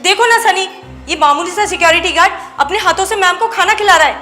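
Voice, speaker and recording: Actress doing a snooty young secretary, high and scornful, roomy sound. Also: female voice, fast talker, pushed and bright, faint music behind. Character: haughty young woman secretary, contemptuous.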